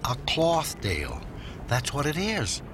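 An actor playing a patient, sensible man who keeps others calm, in a radio drama. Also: fairly high pitch, measured pace, background noise. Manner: level-headed, patient.

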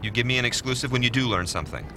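An actor playing a nosy newspaper editor who fires off eager questions, in a radio drama. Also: male voice, medium pitch, animated, bright, forceful tone, a little hiss or hum. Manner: rapid-fire questioning, eager. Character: nosy, pushy newspaperman chasing a scoop.

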